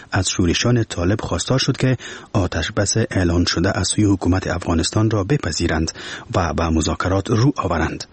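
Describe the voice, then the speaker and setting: A man with an Afghan Dari accent reading a press review in a measured, formal newsreader style. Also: sits low, a little mellow, breathy edge, no room sound. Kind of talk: scripted news reading. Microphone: studio microphone.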